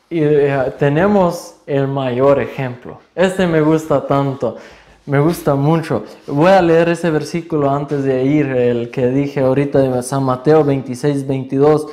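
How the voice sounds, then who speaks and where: A male preacher giving a sermon in a deliberate way, rising to emphatic points. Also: a little high, steady tone, dark tone. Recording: roomy echo.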